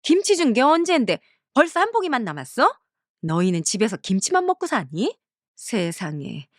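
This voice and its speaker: Harsh, berating mother-in-law, read by a woman, lively pitch swings, dry studio sound for a story cartoon. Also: moderate pace, dry recording. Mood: scornful. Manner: contemptuous, berating. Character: harsh scolding middle-aged mother-in-law.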